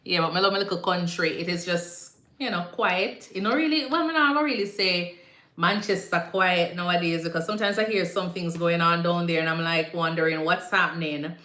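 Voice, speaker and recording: A Jamaican-accented nurse hosts a casual live Q&A in an echoey room, answering viewer comments. Her voice is fairly low, fairly quick, pushed and bright, and she's chatty and repetitive, slipping into patois phrasing now and then.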